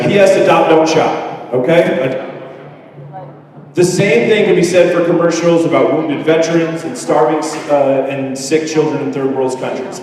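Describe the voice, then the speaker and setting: The voice is a little high with a darkish tone, belonging to a teacher in his thirties who gives a candid, joking graduation speech. He pokes fun at himself, and the recording sounds echoey, captured by a distant mic from far back in a large hall.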